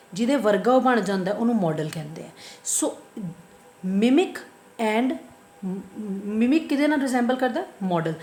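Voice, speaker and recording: A woman's voice: a little high, a little mellow, reverberant. A woman with a Punjabi accent teaching biology in an online lecture. She asks her own questions, answers them, and repeats the key terms.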